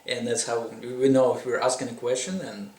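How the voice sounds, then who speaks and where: A man's voice: mid-range voice, steady tone, brisk, a little mellow, distant mic. Russian guy interviewing his buddy, stops and restarts a lot, echoey room. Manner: hesitant, lots of fillers and restarts. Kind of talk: casual conversational interview.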